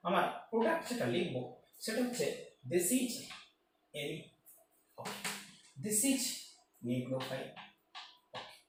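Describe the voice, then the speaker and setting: A man teaching chemistry in a lively, repetitive way, often checking whether his students have understood. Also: high-pitched, takes it slowly, long pauses. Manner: lively, repetitive, calls students "beta", checks if it's clear. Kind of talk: whiteboard chemistry lecture. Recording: echoey room, distant mic, faint noise.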